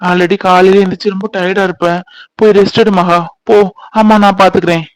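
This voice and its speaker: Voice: mid-range voice, steady tone, fairly quick, dry recording, close to an everyday voice, poor audio. Someone voicing a teasing young husband, dry and close. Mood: worried. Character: young newlywed husband, playful then anxious son. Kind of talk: cartoon voice acting.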